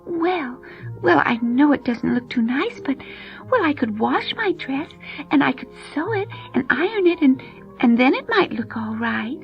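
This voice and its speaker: A woman's voice: sits high, very animated, a little slow, vocal fry, highs cut off, faint music behind, pitched above the performer's own voice, full character voice. A woman voicing a sweet, meek young servant girl who talks timidly and stammers.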